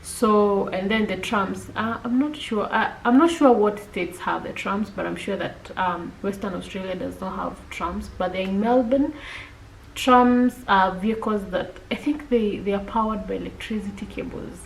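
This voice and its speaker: A woman from Kenya with a Kenyan accent, chatting casually to camera as a vlogger, often pausing on fillers. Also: mid-range voice, gravelly, a little hiss or hum, rough recording. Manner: chatty, with frequent filler pauses.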